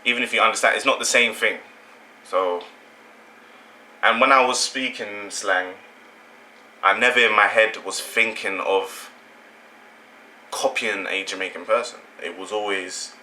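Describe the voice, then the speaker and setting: A young man from England hosts his channel, rambling casually through an opinion and often correcting himself in conversation. His voice is fairly low, fairly even in intonation, unhurried, bright and forceful, with frequent pauses. The low-quality recording has a little hiss or hum.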